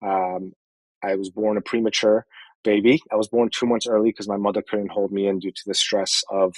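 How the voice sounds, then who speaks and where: Man in his 40s from Iran, low voice, earnest and a bit halting, guest telling his life story. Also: flat delivery, no echo, rough recording. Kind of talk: personal storytelling in an interview.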